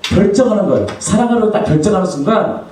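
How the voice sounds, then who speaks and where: A male pastor delivering a sermon, asking the congregation questions and answering them himself, swinging between soft low asides and raised exclamations. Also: expressive, quick pace. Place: church sanctuary. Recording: echoey, from far off the mic.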